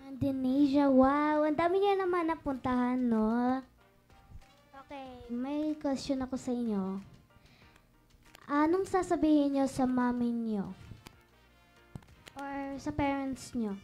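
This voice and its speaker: A woman's voice: high voice, slow pace, pauses often, darkish tone, soft background music. A woman hosting a kids' show. She questions her guests one by one, then counts out and coaches a dance step by step. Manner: chatty, asks guests questions in turn. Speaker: show host.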